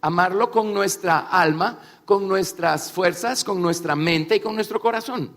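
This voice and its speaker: A man with a notably high voice interprets a religious talk for listeners. He delivers it phrase by phrase with measured emphasis, and his words carry a long hall echo. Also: a bit bright. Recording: echoey hall, long reverb.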